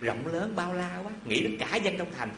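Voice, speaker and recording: A man voicing a stingy rich old miser, speaking in a soft murmur. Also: sits high, very animated, normal speed, noisy background. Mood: petty. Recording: echoey hall with faint ambience.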